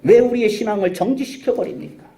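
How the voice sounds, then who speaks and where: In an echoey church sanctuary, a male pastor preaches an emphatic sermon packed with rhetorical questions and cries of hallelujah. His voice is high, quick and warm.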